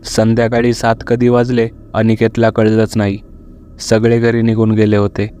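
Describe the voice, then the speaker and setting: Flat-voiced male horror storyteller. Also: on the low side, a little hiss or hum. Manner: steady, measured reading.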